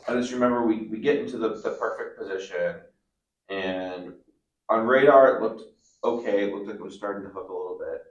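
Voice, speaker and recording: A young man, a storm chaser, reminiscing in casual chat, halting and repeating words as he recalls. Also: lowish voice, reverberant, muffled recording.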